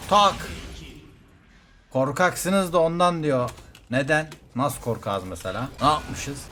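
Young male streamer, mid-pitched, excitable and reactive, noisy home recording. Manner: excitable, quick reactive outbursts, repeats words. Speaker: game streamer. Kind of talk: live gameplay commentary.

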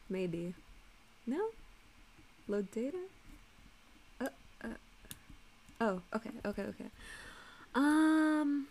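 A woman's voice: fairly high pitch, slight background noise. A young woman casually hosting a game playthrough with friends, giggling, swearing freely and trailing off into fillers as she reads the on-screen text aloud. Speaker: let's play host. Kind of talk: casual gameplay commentary with friends.

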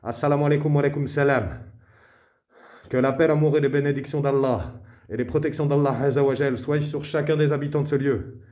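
A man from Morocco narrating a night exploration of an abandoned house, speaking in hushed tones, often whispering and murmuring Arabic invocations. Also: medium pitch, fairly even intonation, fairly quick. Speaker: paranormal explorer.

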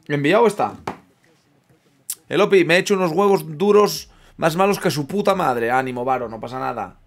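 Young male streamer, fairly high gravelly voice, loose casual game commentary with loud outbursts. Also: moderate pace, a little hiss or hum. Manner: excitable, swears, yells at goals then mutters low. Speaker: gaming streamer. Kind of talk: casual live gameplay commentary.

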